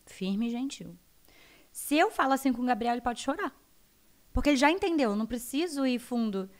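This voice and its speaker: A woman with a Brazilian accent, a guest educator explaining child development in an animated interview. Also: on the high side, a little fast. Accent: Brazilian Portuguese. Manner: animated, acts out her children's voices.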